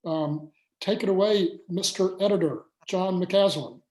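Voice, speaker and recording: A man's voice: sits high, measured pace, a little mellow. A man hosting an online community meeting, talking with many hesitant fillers. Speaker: meeting host. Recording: echoey room.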